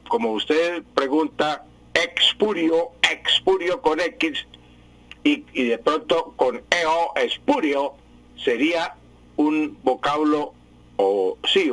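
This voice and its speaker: A man's voice: a little high, a bit bright, no room sound, low-quality recording. A man explaining word spelling and meaning to radio listeners in a patient, explanatory way with many fillers. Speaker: language expert answering listeners.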